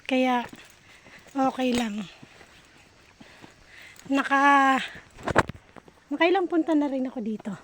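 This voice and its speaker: Woman vlogger, high-pitched, unhurried delivery, recorded on a phone outdoors with a faint background hiss. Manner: chatty, pointing things out as she walks. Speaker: travel vlogger. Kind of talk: casual on-the-go vlog narration. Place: outdoors on a long hillside stairway.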